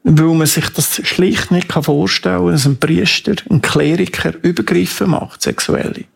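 Male campaigner interviewee, Swiss German accent, creaky rasp, slightly high voice, earnest and emphatic. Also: measured pace. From Switzerland.

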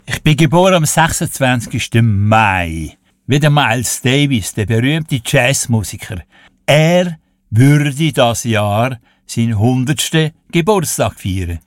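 An elderly Swiss German man in his eighties, from Switzerland, appears as a radio show guest and music presenter, telling anecdotes from his life in a chatty, storytelling manner during a casual interview. His medium-pitched voice is expressive and slow-paced. The recording is clean studio sound with no echo.

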